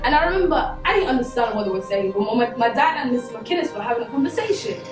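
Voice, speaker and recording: High-voiced young woman in echoey hall. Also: animated, fast talker. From Congo. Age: young adult. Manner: earnest, conversational, many fillers like "you know". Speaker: guest speaker at a school. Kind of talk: motivational talk to students. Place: school hall. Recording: echoey hall, distant mic, music behind.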